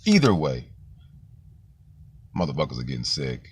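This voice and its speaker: A man talking casually in a loose, slangy monologue, his voice deepened and roughened by the flu. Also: sing-song, normal speed, a little hiss or hum. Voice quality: very deep, gravelly voice. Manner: loose, street-slang talk with frequent fillers and swearing. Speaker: vlogger.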